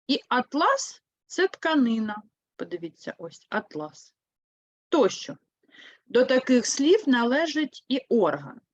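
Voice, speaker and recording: Casting: Ukrainian woman teacher, animated pitch, dry and slightly dull sound. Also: no echo. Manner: slow, clear, explains with lively emphasis. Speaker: primary school teacher. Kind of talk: online lesson for third graders.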